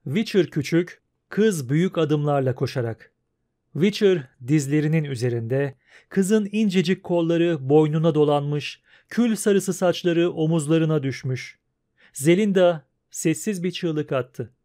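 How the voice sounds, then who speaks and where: A man narrating a fantasy audiobook in a calm, measured way. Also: fairly high pitch.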